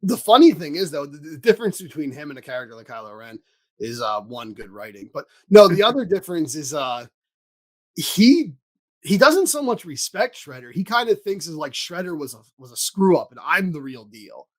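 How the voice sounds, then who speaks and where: A man's voice: a little high, sing-song, normal speed. A man hosting a podcast in casual chat, rambling with lots of fillers and restarts. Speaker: podcast host.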